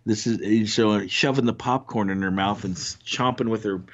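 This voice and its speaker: A man's voice: lowish voice, fairly even intonation, moderate pace. Sarcastic man on a dull-sounding stream. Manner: sarcastic, mocking, joking. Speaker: co-host of a live stream show. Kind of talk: casual stream banter.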